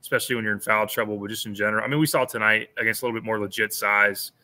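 A man in his thirties co-hosts a sports podcast as an analyst, thoughtfully breaking down a game in casual postgame talk, often restarting and repeating words. He joins a video call from a small room at home using over-ear headphones and a webcam. His lowish voice is very fast, pushed, and bright, with fairly even intonation.

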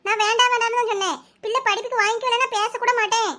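A woman voicing Ambujam, squeaky scolding housewife. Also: fairly even intonation, very fast, sharp tone. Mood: indignant. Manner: scolding, argumentative. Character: Ambujam, village housewife, proud, quick-tempered. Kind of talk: animated village comedy voice acting.

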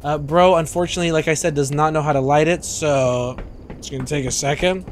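A young man with a slightly high voice jokes his way through a game stream. He swears freely and breaks into loud outbursts, speaking into a studio mic with faint noise behind him. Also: steady tone, brisk. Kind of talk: casual gameplay commentary. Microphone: studio mic on arm.

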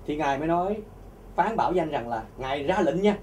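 Man, animated religious testimony, stumbling repeats, faint background noise. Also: a little high, fast talker, far from the mic. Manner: animated, repeats words while searching for them. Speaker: speaker giving a religious testimony. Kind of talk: storytelling testimony to an audience.

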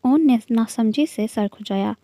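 Woman reading a novel aloud, mellow. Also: fairly high pitch, measured pace, no room sound, clean studio sound. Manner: steady storytelling reading. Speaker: narrator.

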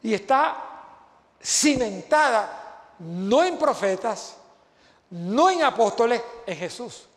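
A man's voice: very high-pitched, big pitch swings, slow, long pauses. A man preaching an impassioned sermon to graduates, repeating phrases for emphasis. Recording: long hall reverb.

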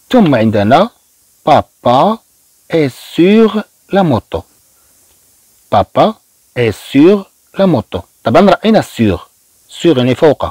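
Man with Moroccan Arabic accent, beginner French lesson, slow patient repetition, lively pitch, husky mellow tone. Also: no echo, low-quality recording. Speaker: French teacher.

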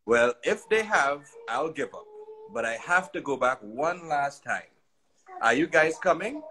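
A man's voice: fairly high pitch, a little slow, crowd noise. A man voicing an eager, insistent young male monkey in a storybook reading. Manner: excited, insistent.

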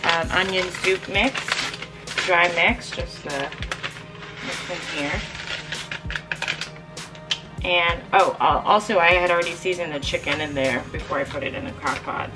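Casting: low-ish female vlogger voice, casual and chatty, home kitchen, music underneath. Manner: chatty, walks viewers through her cooking. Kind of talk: casual vlog narration.

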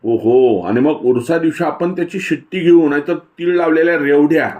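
A man voicing a curious, excited young village boy. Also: on the high side, normal speed, pitched above the performer's own voice, lightly acted.

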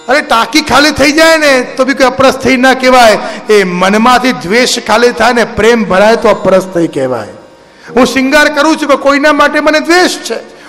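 Man, devotional sermon, rhetorical questions, reverberant hall, soft sitar music. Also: very high voice. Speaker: religious speaker. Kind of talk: devotional discourse.

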